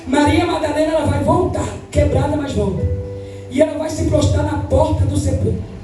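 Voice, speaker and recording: A woman missionary preaching a fervent Pentecostal sermon, often shouting and half-singing her phrases. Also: high-pitched, moderate pace. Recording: echoey church from far off with music.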